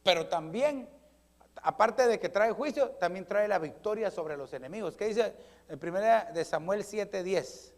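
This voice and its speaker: A male pastor with a high voice preaching a sermon. He swings between loud, rising declarations and quiet, almost whispered asides, and keeps checking in with the congregation. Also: lively intonation, unhurried. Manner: often adds questioning "¿verdad?" to engage the congregation.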